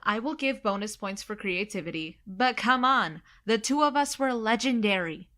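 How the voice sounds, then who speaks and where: In an audio drama, a young American woman plays a cocky, irreverent best friend, teasing playfully. Her medium-pitched voice has lively intonation and a fairly bright tone at a normal speed, and the acting is light and naturalistic.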